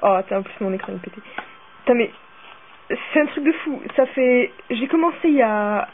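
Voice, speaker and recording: A woman's voice: a little high, a little fast, a little hiss or hum. A woman playing a video game and commenting casually, swearing and getting worked up as she goes. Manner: swearing, excitable, rambling. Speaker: game player. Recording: tinny phone-like sound with faint music.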